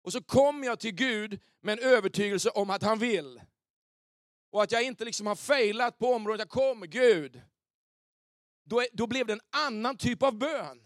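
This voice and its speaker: A male pastor preaching an animated sermon in a church, often checking if the congregation is with him. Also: sits high, dry recording, studio quality. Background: soft keyboard pads.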